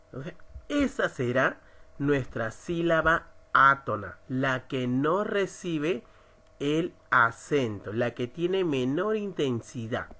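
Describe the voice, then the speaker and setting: A man teaching an online writing class, slowly stressing syllables as he explains. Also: medium pitch, very animated, bright, forceful tone. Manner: slow, emphatic, stresses syllables. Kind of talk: recorded online lesson.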